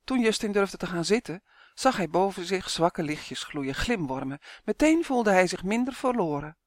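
An audiobook narrator reading a children's fantasy story in a steady, clear way that livens up in tense moments. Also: medium pitch, normal speed, dry recording, studio quality.

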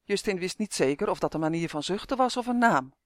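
A woman narrating a children's fantasy story aloud in an even, clear manner. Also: lowish voice, brisk, no echo, clean studio sound.

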